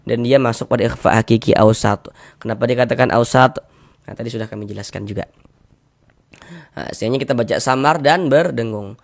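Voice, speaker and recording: Gravelly man teaching Quran recitation. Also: medium pitch, fairly quick, long pauses. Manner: patient, repeats each rule, drawls recited syllables. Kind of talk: tajwid lesson with recited examples.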